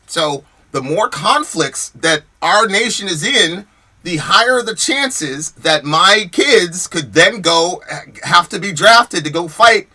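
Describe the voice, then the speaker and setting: An American man hosts a podcast, heatedly reacting to chat comments and arguing emphatically with rhetorical questions. His high-pitched voice is pushed and bright, slow but lively in intonation. As he gets worked up, he repeats words and restarts.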